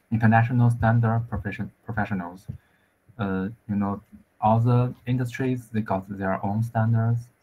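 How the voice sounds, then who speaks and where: A man speaks in a low voice, feeling his way through each sentence with fillers and repeated words. The sound is dull and lo-fi, like a video call. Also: slight background noise. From central China. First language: Chinese. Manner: halting, many restarts and fillers. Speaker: engineer. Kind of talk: casual conversation practice.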